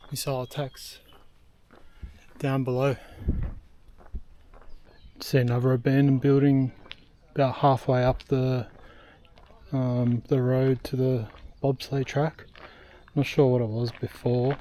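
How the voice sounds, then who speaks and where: A man's voice: medium pitch, level tone, takes it slowly, long pauses, dark tone. Breathless man vlogging on a hike. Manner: rambling, many ums and uhs. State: out of breath from hiking uphill. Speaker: travel vlogger. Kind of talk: casual walking vlog narration. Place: outdoors on a hillside trail. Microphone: handheld camera.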